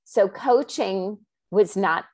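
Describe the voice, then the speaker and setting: A woman's voice: slow, no room sound. A middle-aged woman telling her story in an interview, rambling with asides and acting out the quoted dialogue. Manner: animated, acts out quoted dialogue with big pitch jumps. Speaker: guest.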